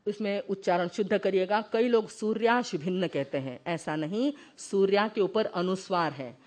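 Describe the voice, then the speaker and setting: A woman's voice: mid-range voice, lively intonation, moderate pace, darkish tone. A woman giving a Jain devotional discourse, explaining verses and asking her listeners questions. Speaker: Jain religious teacher.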